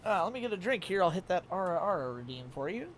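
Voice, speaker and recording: Young male streamer, playful, animated up-and-down delivery, slightly high voice, hiccupy. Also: quick pace, slight background noise. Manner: playful, plays with his voice and octaves. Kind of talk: casual live-stream chat.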